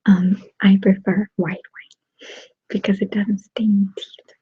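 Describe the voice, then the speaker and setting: Woman ASMR creator, slow whispered chat, close and dry. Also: mid-range voice, little pitch movement, slightly rough, dry recording. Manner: soft, unhurried storytelling. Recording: dry tinny phone-like sound.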